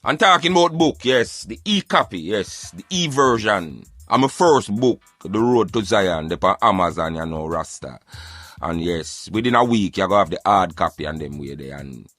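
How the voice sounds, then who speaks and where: A low-pitched man speaks at normal speed in a Jamaican accent, recorded dry with soft background music. Acting as a radio host, he talks casually and emphatically about his opinions, addressing listeners as friends. Animated and insistent, he keeps calling them brethren.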